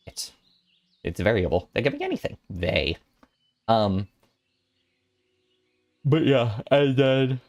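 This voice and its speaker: A man's voice: fairly low pitch, a little mellow. A young man in his twenties chatting casually with viewers on a stream, rambling and playful with giggly asides. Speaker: VTuber streamer.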